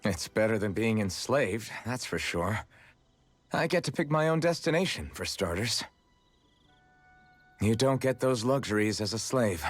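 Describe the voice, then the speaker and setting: An actor playing an earnest young male freedom fighter and former slave in a game, speaking frankly with a husky voice. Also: on the low side, expressive, unhurried, pauses often, no echo, soft background music. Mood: reflective. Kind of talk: game character dialogue.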